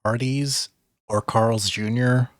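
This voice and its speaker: A man's voice: mid-range voice, fairly even intonation, slow, no room sound, studio quality. A man from the United States chatting casually as a host, giving blunt opinions and swearing freely. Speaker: host of a tier-list discussion. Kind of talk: casual chat, ranking fast food.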